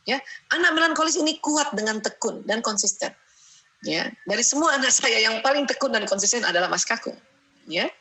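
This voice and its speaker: Bright-voiced woman giving a lively seminar. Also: a little high, a little fast, low-quality recording. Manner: lively, often laughing, quotes her children; peppers sentences with "ya". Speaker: parenting seminar speaker. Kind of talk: seminar talk to an audience.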